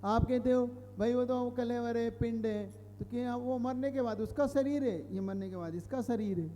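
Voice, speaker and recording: A man's voice: very high-pitched, normal speed, warm tone, slight background noise. A man, a Jain monk, giving a sermon to an audience. He explains step by step, repeats phrases and asks his listeners questions. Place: hall with a live audience. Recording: hall reverb.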